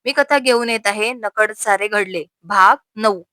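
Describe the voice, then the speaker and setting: Woman story narrator, expressive and steady; dry, close sound. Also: medium pitch, unhurried, no echo.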